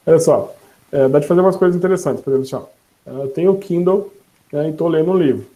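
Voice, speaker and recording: A man with a Brazilian Portuguese accent leading a casual online class. His slightly high but mellow voice stays loose and conversational as he chats, laughs and corrects himself. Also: a little fast, low-quality recording. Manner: relaxed, chatty, laughs and self-corrects. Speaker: instructor demonstrating a voice assistant.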